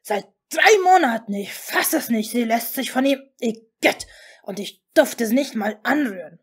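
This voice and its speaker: A woman playing a loud, jealous young man. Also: on the high side, lively intonation, a little slow, slightly rough. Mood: indignant. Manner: loud and stammering. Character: hot-headed jealous young wizard man.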